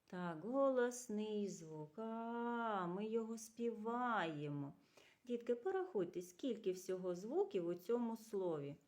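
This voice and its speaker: Lively kindergarten teacher sounding out words. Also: female voice, mid-range voice. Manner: slow, clearly drawn-out sounds and syllables, asks questions and praises. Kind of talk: literacy lesson for young children.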